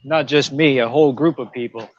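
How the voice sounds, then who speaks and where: A man calling in over a bad connection that keeps cutting out, answering vaguely with rough estimates. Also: mid-range voice, fairly quick, heavy background noise. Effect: breaking-up call connection, dropping in and out. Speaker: remote caller on a live call. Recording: distant, dull lo-fi phone audio.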